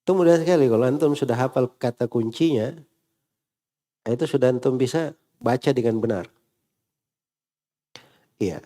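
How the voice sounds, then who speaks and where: A man teaches Arabic grammar to a class. His voice is warm and mellow. He keeps asking questions and drilling the word endings. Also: mid-range voice. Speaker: Islamic teacher.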